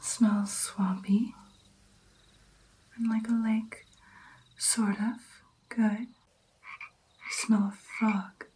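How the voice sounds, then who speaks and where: A woman playing a gentle vampire mentor in an ASMR roleplay, soft, breathy and mostly whispered, coaxing and encouraging her pupil with pauses. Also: a little high, level tone, a little hiss or hum. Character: gentle female vampire patiently training her new darkling. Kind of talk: ASMR personal attention roleplay.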